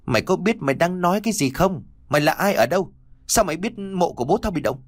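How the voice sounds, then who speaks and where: Man voicing a haughty mistress of a big house, curt commands, lively pitch, audiobook. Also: fast talker, dry recording. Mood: commanding. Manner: sharp, commanding. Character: proud superstitious rich older woman.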